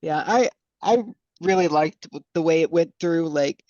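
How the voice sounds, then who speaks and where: A woman's voice: low voice, unhurried, mellow, no room sound, lo-fi sound. A woman in a casual podcast book discussion, talking hesitantly with many fillers. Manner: hesitant, lots of fillers and "you know". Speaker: podcast panelist.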